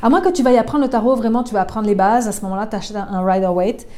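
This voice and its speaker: A woman's voice: mid-range voice, racing, mellow. A woman, a tarot reader chatting informally to the viewer in a casual explanatory video.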